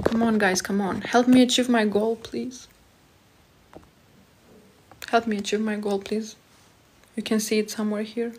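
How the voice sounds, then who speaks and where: A woman's voice: medium pitch, little pitch movement, unhurried, pauses often, a little mellow, slight background noise. A young woman with a Moldovan accent, a native Romanian speaker, chats casually into a phone held close. She reads viewer comments aloud and answers each one in a friendly, chatty way. The sound is a close phone mic in a small room at home. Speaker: live streamer. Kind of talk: casual live-stream chat reading comments aloud. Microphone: phone held close at arm's length.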